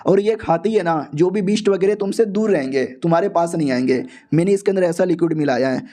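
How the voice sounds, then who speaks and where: A man's voice: high-pitched, fairly quick, dark tone, lightly acted. A man voicing a chubby, chatty young male sidekick who rambles and jokes. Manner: rambling, jokey.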